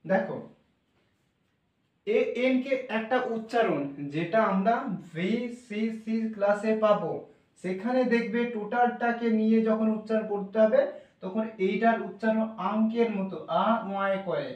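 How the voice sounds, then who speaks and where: High-voiced man teaching pronunciation, echoey. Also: a little mellow, muffled recording. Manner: patient, repetitive, sounding out letters slowly. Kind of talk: classroom explanation. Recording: echoey room from far off.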